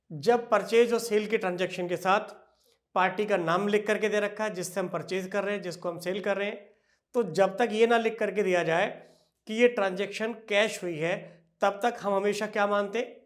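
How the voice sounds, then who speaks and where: Classroom accounting lessons come from a man with a high-pitched voice who talks to students affectionately. He tosses out questions, answers them himself, and dictates entries at a slow, stretched-out pace.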